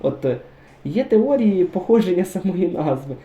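A man's voice: sits high, sing-song, moderate pace, lo-fi sound. A man giving casual, chatty commentary over a driving game, musing aloud and talking straight to his viewers. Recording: roomy echo.

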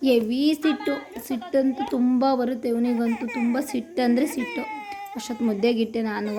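A woman from Karnataka casually narrating a cooking vlog in her home kitchen, chatty and homely, repeating her phrases. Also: a little high. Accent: Kannada, Karnataka. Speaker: vlogger.

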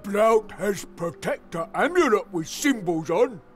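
A man voicing a simple-minded, timid and stubborn ogre in a video game, husky, with slow broken speech. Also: sits high, animated, soft background music. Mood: wary. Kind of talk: video game character acting.

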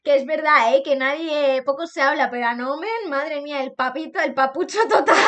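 A woman's voice: high-pitched, normal speed, a bit bright. A young woman from Spain with a Spanish accent, chatting live on stream while reacting to fan art, bubbly, laughing often and breaking into sing-song bits.

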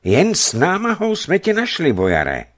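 A man's voice: fairly high pitch, huge pitch swings, voice pushed up. A man reading aloud, voicing a male guard commander who is out of breath. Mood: relieved.

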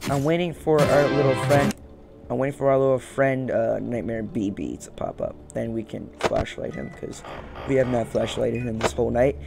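A young man commentating casually on gameplay speaks at a moderate pace in a creaky, medium-pitched voice, muttering and repeating phrases to himself. He hosts from an indoor room beside a plain wall, game music playing.

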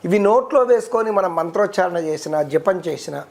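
A man, a devotional guest explaining worship rules in a steady, teacherly way, listing terms one by one. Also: high voice, fairly quick, vocal fry. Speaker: devotional guest speaker on ritual. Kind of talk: explanatory interview talk.

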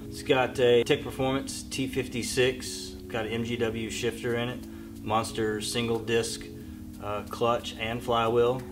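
A man in his thirties reciting the parts list of his car build in a steady, matter-of-fact way, with frequent "uh" and "um". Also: medium pitch. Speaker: car owner. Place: garage shop, indoors.

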